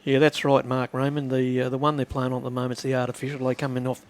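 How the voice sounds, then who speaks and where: A man's voice: mid-range voice, completely flat delivery, fast talker, a little hiss or hum. A man commentating a lawn bowls match, steadily explaining the play and answering viewer questions. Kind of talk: live sports commentary.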